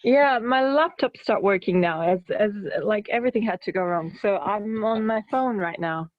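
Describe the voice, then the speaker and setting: A woman speaks over a phone line, so her voice comes through dull and lo-fi but dry, with no room around it. She presents her research in an online meeting and talks haltingly, filling gaps with fillers and restarting her sentences. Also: mid-range voice, no room sound. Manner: hesitant, many fillers and restarts. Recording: muffled phone-quality audio.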